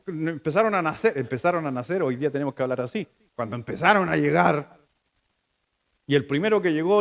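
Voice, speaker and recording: Man, Chilean accent, middle-aged pastor, sermon, high voice, chatty rhetorical questions, halting restarts. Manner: conversational, with rhetorical questions to the congregation.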